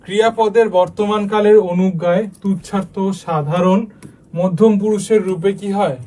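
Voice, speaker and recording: A man's voice: high-pitched, fairly even intonation, normal speed, dark tone. A male teacher giving an exam-prep lesson, explaining step by step and often asking the class questions.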